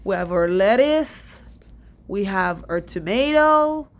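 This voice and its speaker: A woman's voice: mid-range voice, expressive. A young Jamaican woman giving a casual, rambling voice-over about her garden, stuffy and short of breath. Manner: chatty, rambling and fast-talking. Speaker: DIY gardening vlogger.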